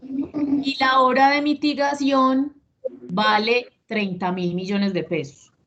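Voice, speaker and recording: A woman's voice: high-pitched, steady tone, slow pace, a bit bright. A woman, an instructor explaining a lesson in an online class and checking that her students follow. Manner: explanatory, checks understanding with questions. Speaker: instructor of a risk management course. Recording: dull lo-fi online call audio with faint noise.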